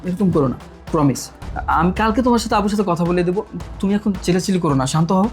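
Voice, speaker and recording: A man's voice: sits high, very fast, soft background music, lightly acted. An actor playing an evasive young husband in a TV family drama, placating and pleading with his wife. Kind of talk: Bangla TV drama acting.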